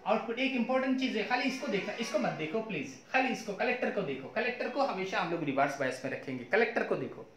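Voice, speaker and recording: Echoey physics teacher lecturing. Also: male voice, sits high, lively intonation, fast, hardly any pauses, a bit bright, a little hiss or hum. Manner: mixes English terms into Hindi, asks students questions often. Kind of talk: classroom lecture. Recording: echoey room.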